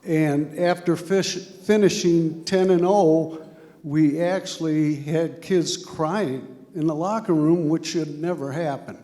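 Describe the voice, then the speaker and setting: An older man, a retired football coach telling stories slowly and reflectively in an on-stage interview. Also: fairly high pitch, steady tone, mellow. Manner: slow, reflective storytelling with a chuckle. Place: large banquet hall. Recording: reverberant banquet hall.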